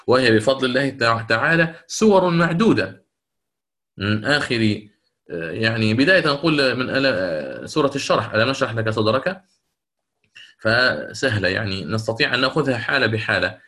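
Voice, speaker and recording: With lively intonation and a bright, forceful mid-range voice, a middle-aged man lectures online on how to recite the Quran, using recited examples. He explains each step methodically and pauses to check that students follow and to handle their questions.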